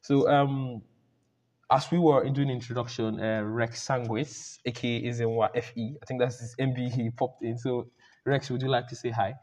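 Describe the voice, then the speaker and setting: A man's voice: mid-range voice, flat delivery, moderate pace, a little mellow. A man hosting a casual book club voice chat, rambling with frequent restarts and fillers. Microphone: home mic on voice call. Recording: lo-fi voice chat audio.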